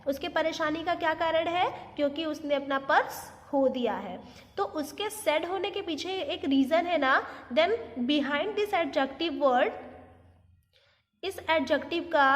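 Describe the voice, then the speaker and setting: A woman teaching a grammar lesson online, switching between Hindi explanations and deliberate examples and often asking "Is that clear?". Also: high-pitched, in a large hall. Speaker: English teacher.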